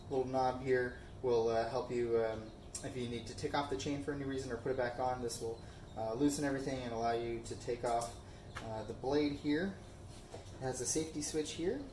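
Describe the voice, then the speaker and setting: A young man casually reviewing a tool in his garage and backyard, chatty and relaxed with frequent fillers. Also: medium pitch, echoey room, background noise. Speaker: product reviewer. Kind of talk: casual product review vlog.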